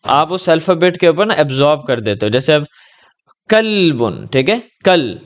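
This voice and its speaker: A man teaches slowly and kindly over a video call. His voice is smooth and resonant, a little higher than most men's. He reassures his student and checks her understanding again and again. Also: very animated. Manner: gentle, reassuring, repeats "ٹھیک ہے؟" often. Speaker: Arabic tutor. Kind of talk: patient one-on-one online lesson.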